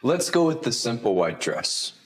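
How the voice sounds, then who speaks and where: An actor playing an earnest, lovestruck, wealthy CEO in a melodramatic short drama. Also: male voice, medium pitch, big pitch swings, moderate pace, natural voice. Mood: tender, earnest.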